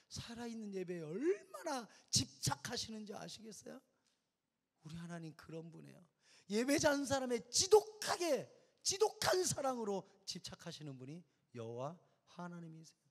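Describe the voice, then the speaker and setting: A man preaching to a youth service with emphatic call-and-response, swinging between soft, intimate asides and loud outbursts. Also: fairly high pitch. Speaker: youth pastor. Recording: long hall reverb.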